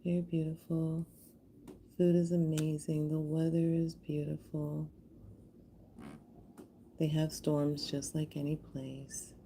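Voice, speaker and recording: The audio is poor, with a little hiss or hum, as an American woman from Houston hosts a live art stream and chats casually with viewers. Her voice is low, dark, creaky, and flat, slow with long pauses, and she addresses viewers directly, affectionate and appreciative.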